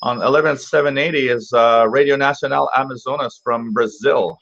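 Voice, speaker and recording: Halting man chatting on a lo-fi stream. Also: mid-range voice, steady tone, gravelly, a bit bright. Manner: halting, explanatory. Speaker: shortwave radio hobbyist hosting a live stream. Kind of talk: casual live commentary, answering viewers. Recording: slightly dull, lo-fi stream audio.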